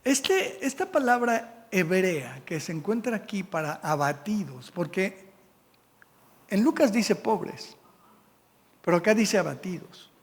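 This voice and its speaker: In a church sanctuary, a male pastor with a Mexican Spanish accent delivers a sermon, reading from scripture and checking in with his congregation. He has a high-pitched voice with lively intonation and takes his time, while the room leaves a long reverb tail.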